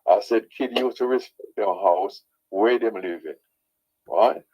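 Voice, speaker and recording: Heated radio show caller. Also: male voice, fairly low pitch, a little slow, dark tone, husky, lo-fi sound. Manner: heated, insistent, repeats "right?".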